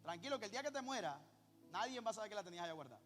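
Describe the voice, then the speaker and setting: A man voicing God as a sarcastic, indulgent father who soothes in a mock-gentle drawn-out way. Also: sits high, very animated. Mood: sarcastic soothing. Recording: echoey church hall with faint music.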